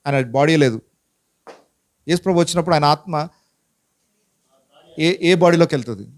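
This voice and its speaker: A pastor preaching a Bible-teaching sermon in a conversational way, asking many rhetorical questions and mixing in English words. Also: male voice, fairly high pitch. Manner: mixes English words into his speech.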